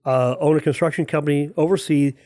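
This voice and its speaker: A man in his forties hosts a podcast, guiding the chat with friendly questions and affirming remarks, now and then turning to faith. His voice sits a little higher than most men's. The sound is close and dry, with no room around it. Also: steady tone, fast, dark tone, dry recording. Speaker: podcast host. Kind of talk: casual interview chat.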